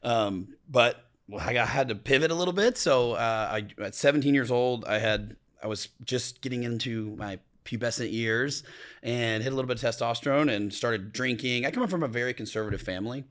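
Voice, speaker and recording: Fast-talking rambling male guest. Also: mid-range voice. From Oklahoma, USA. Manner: relaxed, rambling, many fillers. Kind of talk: casual storytelling interview.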